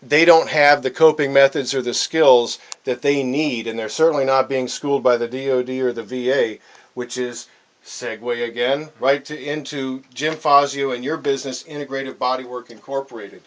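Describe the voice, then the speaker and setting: Male radio host, mid-range voice, earnest and deliberate, leading an interview. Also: medium pitch, steady tone.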